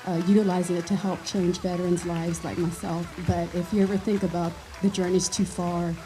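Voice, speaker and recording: Low, flat-voiced woman from Texas. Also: brisk, music in the background, poor audio. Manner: earnest, encouraging. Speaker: graduate.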